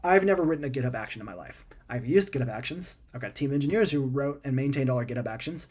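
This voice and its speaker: A man talking casually about software and AI, conversational and full of fillers, repeating words and tossing in animated asides. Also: mid-range voice, fast talker. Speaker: product maker talking about AI and coding. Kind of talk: casual explanatory talk.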